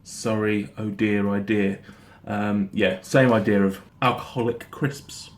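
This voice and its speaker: A man giving a casual snack review in a halting, rambling way, often repeating himself. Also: fairly low pitch, fairly even intonation. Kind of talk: casual product review chat. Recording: noticeable background noise.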